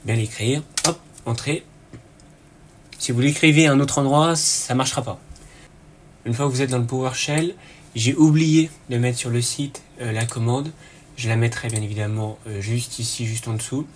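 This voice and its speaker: A man hosting a casual screen-recorded tech tutorial, relaxed and chatty, often pausing with fillers and a quick "hop" as he clicks. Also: mid-range voice, a little hiss or hum.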